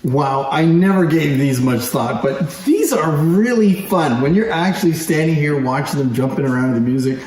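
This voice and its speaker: A slightly high, darkish male voice, expressive and at a normal speed with few pauses, walks through antique phonograph toys in an off-the-cuff show-and-tell. He speaks informally and with interest; the sound is echoey with faint background noise.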